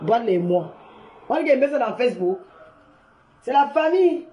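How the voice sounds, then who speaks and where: Older lady ranting loud, mocking insults over and over, roomy echo. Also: on the high side, animated, measured pace, dull audio. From Cameroon. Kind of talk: heated live-stream rant. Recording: echoey room.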